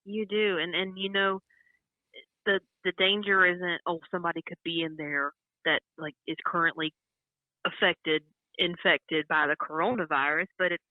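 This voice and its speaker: A country singer from North Carolina talking on a telephone line in a casual interview, chatty and quick to laugh. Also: female voice, on the low side, fairly even intonation, dry recording. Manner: chatty, laughs often between points. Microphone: phone. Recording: dry, tinny telephone line.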